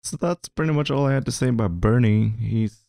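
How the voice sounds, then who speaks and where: A man's voice: medium pitch, fairly quick, vocal fry, mellow, no echo. A man co-hosting a podcast, talking politics in a casual, hesitant way with dry jokes. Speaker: podcast co-host.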